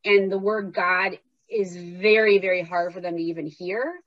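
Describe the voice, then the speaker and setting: Animated woman telling stories, dull dry sound. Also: on the low side, moderate pace, no room sound. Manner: lively, animated, acts out inner voices. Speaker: guest author and recovery worker. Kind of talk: candid conversational storytelling.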